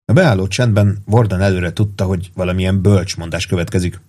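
A man reading a novel aloud as audiobook narrator, in steady, even storytelling. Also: low-pitched. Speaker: audiobook reader.

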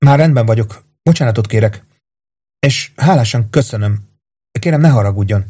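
A man's voice: medium pitch, animated, mellow, slightly rough. A man reading aloud and voicing a tearful, grieving young woman who talks in a shaky, trembling way. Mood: apologetic.

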